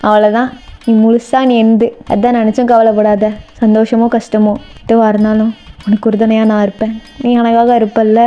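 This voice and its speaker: A woman voicing a tender young bridegroom who speaks softly and reassuringly in a fan-made audio story. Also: fairly high pitch, flat delivery, a little fast, voice pushed down, lightly acted. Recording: slightly muffled with faint music.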